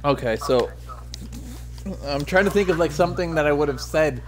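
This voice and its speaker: A man's voice: on the high side, moderate pace. A man streaming a game, chatting casually and rambling, swearing a lot and mocking himself. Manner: profane, rambling, self-mocking. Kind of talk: casual gaming stream chat. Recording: steady background noise.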